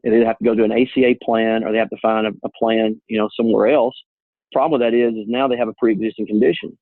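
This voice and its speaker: A man's voice: fairly low pitch, fairly even intonation, quick pace, no room sound. A man who works as an insurance agent, explaining things earnestly in a casual talk over a call. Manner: earnest, plain-spoken explaining. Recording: tinny phone line, dry.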